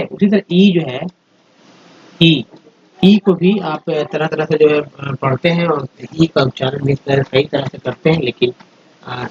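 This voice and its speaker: A man teaching English pronunciation, spelling out words letter by letter and repeating each sound slowly. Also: fairly high pitch. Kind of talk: slow explanatory lesson. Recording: dull lo-fi recording with faint noise.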